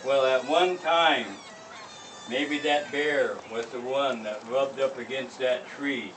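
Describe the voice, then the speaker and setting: A man's voice: mid-range voice, slow. Older guy, elder telling a story to a group, emphatic, recorded from far off w lots of background noise. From Northern California. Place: living history school gathering, plank house.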